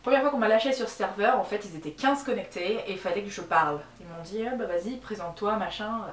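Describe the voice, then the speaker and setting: A woman's voice: medium pitch, fast talker. French woman, twenties, candid chatty vlog talk, echoey room, mic a bit distant, faint hiss. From France. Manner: chatty, candid, lots of fillers and restarts. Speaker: YouTuber. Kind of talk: casual vlog storytelling. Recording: roomy echo, voice a bit off-mic, faint background noise.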